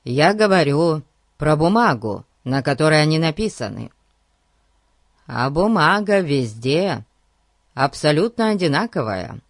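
A man reading the part of a confident teenage boy detective who speaks calmly, with a sarcastic edge. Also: a little high, no room sound, clean studio sound. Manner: calm, sarcastic.

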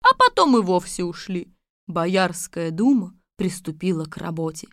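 A woman's voice: on the low side, sing-song, moderate pace, fairly bright tone, dry recording, clean studio sound. Woman narrating a fairy tale. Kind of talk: storybook narration.

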